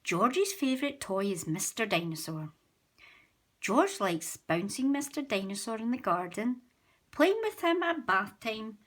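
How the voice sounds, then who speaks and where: A woman reading a children's storybook aloud as host of a story time, gentle and expressive. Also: on the high side. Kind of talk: children's read-aloud narration.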